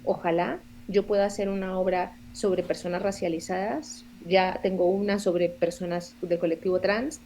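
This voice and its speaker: A woman's voice: fairly low pitch, fairly even intonation, moderate pace, hardly any pauses, mellow, slight background noise. Reflective woman in her forties. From Colombia. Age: 40s. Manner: reflective, earnest, searching for words. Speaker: guest, theatre director and playwright. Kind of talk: podcast interview conversation.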